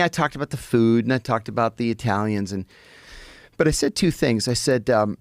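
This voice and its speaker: Gravelly, animated middle-aged man storyteller. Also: mid-range voice, dry recording, clean studio sound. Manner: animated, vivid storyteller with frequent restarts. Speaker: podcast guest. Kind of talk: anecdotal storytelling in conversation. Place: podcast studio.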